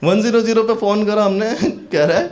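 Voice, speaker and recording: Stand-up comedian, man, acts out dialogue, sudden loud punchlines, audience noise behind. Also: high voice, fairly quick. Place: comedy stage before a live audience.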